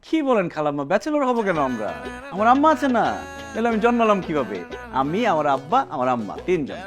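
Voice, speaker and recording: An actor playing a brash, boastful young man hunting for a flat, with a sing-song way of talking. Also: high-pitched, fast, music in the background. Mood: bargaining. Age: young adult. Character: brash cocky young man, full of himself. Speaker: son looking for a flat.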